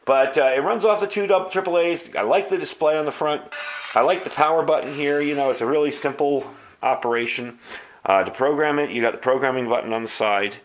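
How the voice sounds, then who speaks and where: Recorded with poor audio, an American radio hobbyist demonstrates and reviews gear informally, narrating every step as he works. His voice is fairly high and a little fast.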